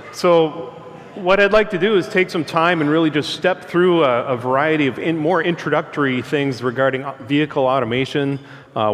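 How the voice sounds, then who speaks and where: A man presents to an audience as a transportation engineer, his voice amplified through loudspeakers into a large hall. The sound carries a long reverberant tail. He talks in a conversational, hesitant way, stopping to ask the audience questions. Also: medium pitch. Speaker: guest speaker, transportation engineer. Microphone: handheld or stand microphone into a PA system.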